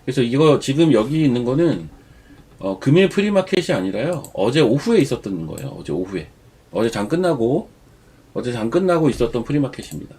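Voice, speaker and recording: This regular commentator has a cold but keeps his live-stream market commentary casual and rambling, often sliding into personal tales. His mid-range voice is sing-song, mellow and slightly rough, moving a little fast.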